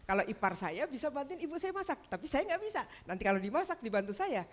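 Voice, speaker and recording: An older woman shares a personal story at a church gathering. She tells it with animation and slips into the voices of the people in it. Her voice sits somewhat high. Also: fast talker. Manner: animated storytelling, acting out quotes. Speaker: guest speaker. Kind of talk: church talk, personal testimony.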